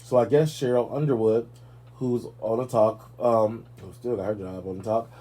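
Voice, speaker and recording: A man with a lowish voice hosts a live talk show at normal speed, chatting casually and sassily about celebrity gossip. He's animated and tosses in playful asides.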